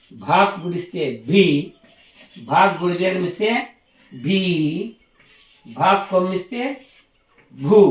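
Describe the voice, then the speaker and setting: Patient man teaching letter sounds, high voice. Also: recorded from a distance. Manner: patient, repeats sounds syllable by syllable. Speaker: Telugu teacher. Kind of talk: slow spoken lesson for children. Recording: echoey room, slightly off the mic.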